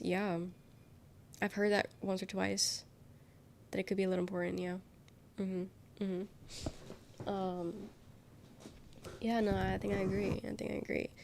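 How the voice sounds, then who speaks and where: Rambling as she reads chat aloud, a young woman livestreamer talks casually with viewers in a mid-range, gravelly voice with a darkish tone. She's sick, and her voice comes out congested, nasal and worn.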